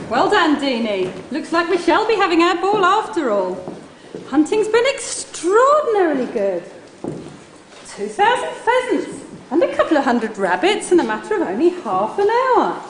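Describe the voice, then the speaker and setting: A woman's voice: very high-pitched, wildly swooping pitch, a little slow, exaggerated voice. A woman playing a genial, regal young prince as a pantomime principal boy, with declamatory stage delivery. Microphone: far camera. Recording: echoey hall, slight noise.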